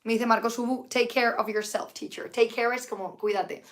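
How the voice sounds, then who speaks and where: Hoarse woman teaching English. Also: on the high side, fairly even intonation, moderate pace, a bit bright. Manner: chatty, mixes Spanish and English, reads out viewer comments. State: sick with flu, tired. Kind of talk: live-streamed English lesson.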